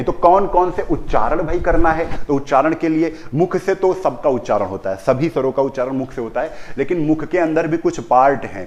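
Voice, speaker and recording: A man's voice: mid-range voice, darkish tone. A man teaching a grammar lesson in Hindi, who repeats key terms and keeps asking the children questions. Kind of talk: classroom lesson on pronunciation.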